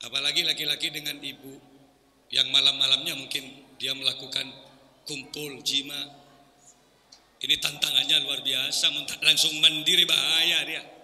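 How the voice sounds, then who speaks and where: A man preaching with animated delivery, now and then singing short call-to-prayer lines. His voice is high and strikingly bright. It carries a long, roomy reverb from a large hall. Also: normal speed. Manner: animated, sings call-to-prayer phrases as examples. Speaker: Islamic preacher. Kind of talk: sermon.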